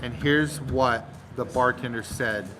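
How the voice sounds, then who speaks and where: A man hosting a channel, telling a long joke in casual storytelling style, animated and full of dramatic pauses. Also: medium pitch, low-quality recording. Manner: animated, dramatic pauses, acts out crowd voices. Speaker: channel host.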